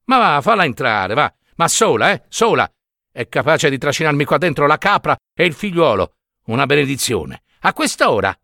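A man's voice: fairly high pitch, very animated, moderate pace, creaky, bright, forceful tone, dry recording, studio quality, voice pushed up, full character voice. A man voicing a grumpy old village priest who huffs and talks in an exasperated way, read as part of a story. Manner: exasperated, huffing.

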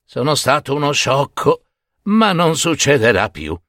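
A man's voice: medium pitch, sing-song, a little slow, a bit bright, no echo, clean studio sound, pitched above the performer's own voice. A man voicing a foolish, naive young peasant who greets people in an eager, sing-song way.

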